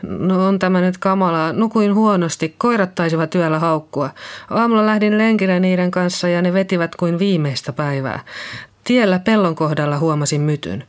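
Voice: mid-range voice, clear, resonant tone, pitched above the performer's own voice, close to an everyday voice. An audiobook reader voicing a shaken middle-aged woman nurse who is being questioned by police, talking in a hesitant, apologetic way. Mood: nervous. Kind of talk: audiobook character reading.

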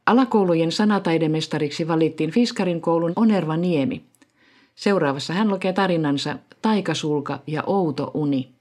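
A woman presenter giving scripted introductions in a measured announcer manner. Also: low voice, a little mellow.

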